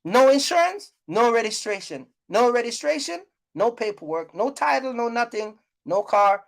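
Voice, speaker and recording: A woman hosts a casual, unscripted YouTube vlog giving trucking business advice, ranting bluntly at viewers and scolding them by repeating her points. Her fairly high voice is very animated, with vocal fry, at normal speed.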